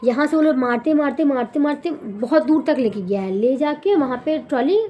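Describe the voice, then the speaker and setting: Young woman retelling a trip, animated. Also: high voice, normal speed, lo-fi sound. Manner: animated, rambling retelling with self-corrections. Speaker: vlogger. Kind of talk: casual storytelling vlog.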